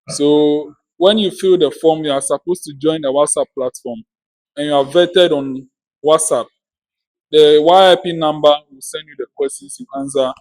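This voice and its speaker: A man's voice: a little high, a little mellow, no room sound, poor audio. A man making a formal, polite and orderly announcement to parliament as one of its members. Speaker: interim MP and outgoing parliament speaker.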